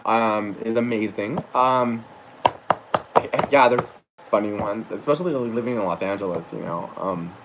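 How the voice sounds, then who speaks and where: A man's voice: mid-range voice, noisy background. A young man giving a casual, rambling vlog monologue as an aspiring actor. He is chatty and full of fillers and asides. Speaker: aspiring actor and rideshare driver vlogging.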